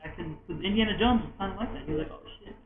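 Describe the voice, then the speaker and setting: A man co-hosting a podcast, chatting excitedly about games and acting out lines. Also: high-pitched, racing. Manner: excited, acts out game lines. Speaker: podcast co-host. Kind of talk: casual gaming chat. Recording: echoey room, phone-like audio.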